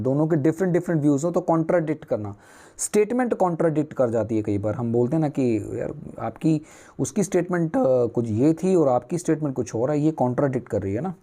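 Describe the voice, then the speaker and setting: A man's voice: fairly high pitch, warm tone. A man teaching newspaper vocabulary, asking and answering his own questions at a whiteboard.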